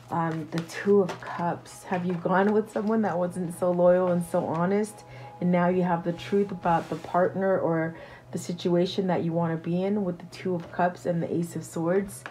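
Woman tarot reader, casual chat to camera, lowish dark warm tone, halting and reassuring with lots of fillers. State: hiccups.

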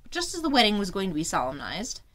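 A woman's voice: mid-range voice, huge pitch swings, a bit bright. Woman reading fairy tales aloud. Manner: measured storybook reading. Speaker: author and audiobook reader. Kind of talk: scripted fairy-tale narration.

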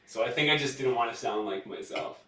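A man chatting casually on a podcast, telling animated stories and laughing often. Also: mid-range voice, brisk, a little hiss or hum. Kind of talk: casual chat. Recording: roomy sound from a distance.

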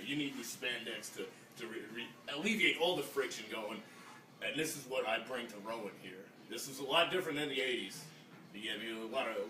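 A man's voice: mid-range voice, lightly acted. Young guy doing a brash crude 80s fitness coach, rambly comedy bit, roomy phone audio, bit far away. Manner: swaggering, profane, rambling. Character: brash, crude, cocky 1980s male fitness instructor. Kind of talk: improvised mock-interview comedy sketch. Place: small indoor room. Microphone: phone camera a few feet away. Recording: echoey room, off-mic phone video.

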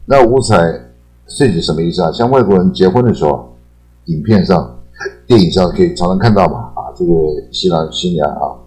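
A man giving a casual, chatty English vocabulary lesson. He repeats key words and ends his phrases with a drawn-out particle. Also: sits low, warm tone, soft background music, low-quality recording. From Taiwan. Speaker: English teacher. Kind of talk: casual explanatory lecture.

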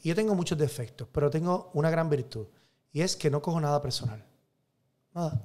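A man's voice: a little high, fairly quick, darkish tone. A man who is a priest, telling a personal story emphatically in an interview and acting out the dialogue.

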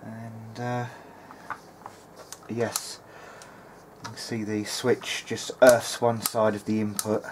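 A man with a fairly low, level voice speaks at a slow pace, hesitantly voicing his thoughts. He is a hobbyist electronics repairer hosting a casual demonstration at an indoor workbench. The recording is clear, with background noise from the workshop room.

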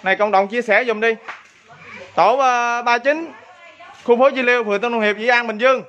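A man's voice: very high-pitched, steady tone, normal speed, fairly bright tone. A man making an indignant, insistent complaint on camera, recorded on a muffled phone video. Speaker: resident complaining about local leader.

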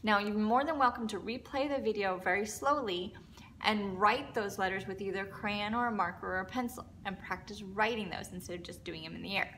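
A middle-aged preschool teacher runs circle time in a classroom, speaking briskly in an encouraging, instructional tone aimed at young kids. Her medium-pitched voice sounds pushed and bright, over slight background noise, and the audio is poor.

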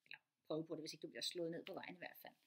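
A middle-aged woman, a teacher and mother, giving casual advice, talking quickly with many fillers and restarts. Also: deep voice, steady tone, husky. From Denmark.

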